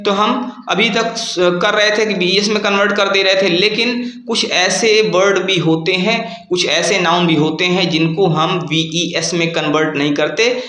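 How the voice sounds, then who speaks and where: A man's voice: sits high, pushed and bright, reverberant. A man teaching a grammar lesson, explaining step by step and asking his students questions.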